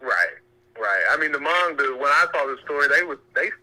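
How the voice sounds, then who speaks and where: A male caller phones in to give his opinions in a conversational way, halting and circling back to rephrase his points, and the audio sounds like a telephone line. His voice is fairly high, expressive and sharp.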